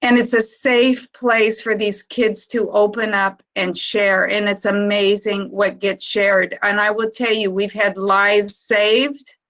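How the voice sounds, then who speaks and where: On an online conference call, a woman who founded an organisation gives an informal, unscripted presentation. She speaks haltingly and reflectively, in a medium-pitched, level and slightly bright voice.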